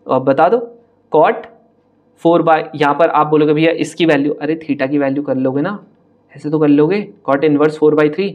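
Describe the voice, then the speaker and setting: A young man teaching an online maths lesson for exam prep in speech, talking straight to his students in a brisk, chatty, teasing way. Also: on the high side, fairly even intonation, highs cut off. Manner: brisk, chatty, addresses students directly, mocks hard-looking questions.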